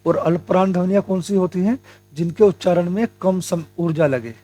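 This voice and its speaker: A young Hindi grammar teacher talks a little fast, his fairly high voice warm in tone, during an exam-prep lesson. He addresses viewers in a friendly way, progressing step by step and fielding questions he puts to himself.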